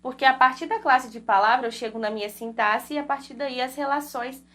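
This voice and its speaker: A woman's voice: sits high, a little fast, fairly bright tone. A young woman, teaching a grammar lecture for exam prep. She explains point by point and keeps checking in with her students. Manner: explains step by step with frequent tag questions. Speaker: Portuguese teacher.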